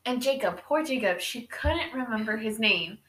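A woman's voice: fairly high pitch, expressive, normal speed, fairly bright tone. A young adult woman hosting a podcast, telling a story in a casual, chatty way with lots of fillers. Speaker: podcast host. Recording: roomy echo.

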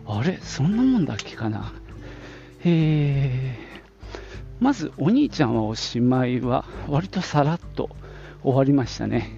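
A man's voice: medium pitch, big pitch swings, a little slow, vocal fry, warm tone, soft background music. A man in his late fifties hosting a casual audio diary podcast, chatting and rambling with many fillers while he walks outdoors to work, slightly out of breath. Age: 50s. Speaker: podcast host. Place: outdoors on a street, walking to work. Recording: dull lo-fi outdoor recording with wind noise.

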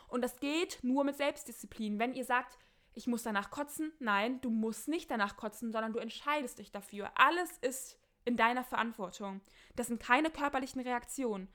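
Woman, podcast host, fairly high voice, blunt, direct, emphatic, casual advice talk. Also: fairly bright tone. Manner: reads listener letters aloud. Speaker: podcast host answering listener questions.

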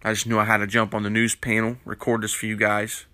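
With a sinus infection and a congested morning voice, this basketball news panel host talks fast in a low, sharp, completely flat delivery. His casual commentary is rambling, opinionated, and packed with fillers. There's no room sound.

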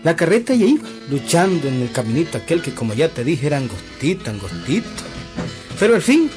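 A man telling a comic folk tale, his fairly high voice rising and falling in a lively way. He talks in a folksy manner, turning to the listener as a friend, with music behind him. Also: brisk. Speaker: storyteller.

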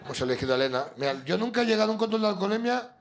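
A middle-aged man from Spain with a gravelly, raspy voice hosts a live comedy show, joking and rambling with guests and the crowd. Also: high-pitched, very animated, very fast. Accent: Spanish (Spain). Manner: jokey, rambling, self-mocking. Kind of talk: stand-up crowd work chat.

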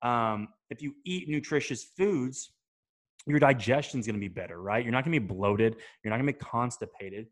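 A man's voice: mid-range voice, expressive, moderate pace. A young man talking casually to camera, giving habit advice, loose and chatty, swearing now and then and checking in with "right?" and "okay?". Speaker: self-improvement vlogger.

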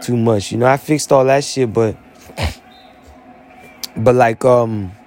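A man's voice: medium pitch, takes it slowly, darkish tone. A man, an army veteran, talking through his story in a rambling, profane monologue full of fillers.

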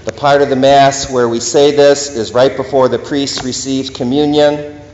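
An earnest priest preaches a homily, pressing his points home with steady emphasis. His voice rings through a large church with a long, roomy echo. The recording sounds dull and lo-fi. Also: medium pitch, moderate pace, a little hiss or hum. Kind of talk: sermon. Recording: echoey church hall, dull lo-fi.

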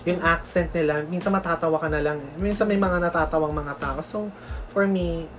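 A woman from the Philippines in casual chat as co-host, chatty and quick to laugh, mixing English into her talk. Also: lowish voice. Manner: chatty, laughs often, mixes English into Tagalog. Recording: music playing behind.

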